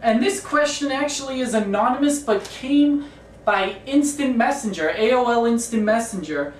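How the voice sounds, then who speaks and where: Woman co-host, brisk reader, somewhat high voice, roomy and distant sound. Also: lively intonation, a little hiss or hum. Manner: brisk, announcer-like. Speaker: co-host reading viewer questions. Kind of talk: casual show hosting. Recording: echoey room, mic at a distance.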